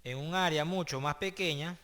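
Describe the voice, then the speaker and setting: Bright-voiced man teaching an online class. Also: fairly high pitch, normal speed. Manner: conversational, checks in with "¿ok?" and "¿sí?"; explains step by step, with hesitant restarts. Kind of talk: online class lecture with prayer.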